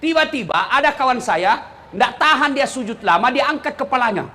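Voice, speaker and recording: High-pitched animated preacher, a man. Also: normal speed, slight background noise. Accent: Indonesian. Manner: animated storytelling, shouting punchlines. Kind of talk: humorous sermon.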